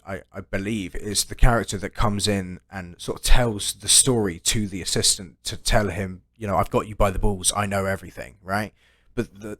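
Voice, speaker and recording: Low-voiced man rambling casually. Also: sharp tone, dry recording. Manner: rambling storyteller, tags "right?" onto sentences; swears freely. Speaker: podcast co-host. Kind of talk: casual chat.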